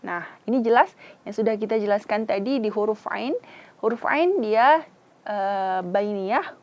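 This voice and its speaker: Slow, patient female Quran teacher. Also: mid-range voice. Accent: Acehnese. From Indonesia. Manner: patient, demonstrates sounds syllable by syllable. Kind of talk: slow, careful tajwid instruction.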